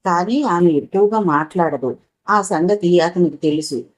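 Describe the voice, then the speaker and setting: Woman reading a story aloud, steady and measured, lowish voice. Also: poor audio. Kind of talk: story narration.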